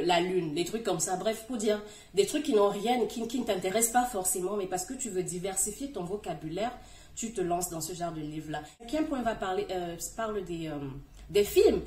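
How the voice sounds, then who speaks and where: A woman's voice: mid-range voice, moderate pace, darkish tone. A woman hosting a casual advice video, chatting directly to the viewer as she gives learning tips. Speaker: video host giving language tips. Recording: echoey room, voice from a distance.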